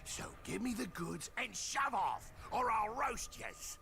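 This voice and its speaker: A gravelly, rasping Australian brute of a dingo-crocodile hybrid for a video game cutscene. His threatening drawl swings widely up and down. The tone is sharp and forceful, never mellow. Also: high voice, big pitch swings, slow pace, faint music behind, exaggerated voice. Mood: menacing. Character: gruff male dingo-crocodile hybrid villain.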